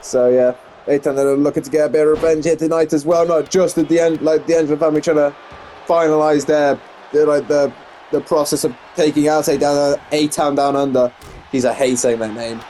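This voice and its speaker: A man's voice: on the high side, little pitch movement, brisk, mellow, a little hiss or hum. A young English man casually commentating a wrestling video game, rambling and correcting himself with frequent exclamations. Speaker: gameplay commentator.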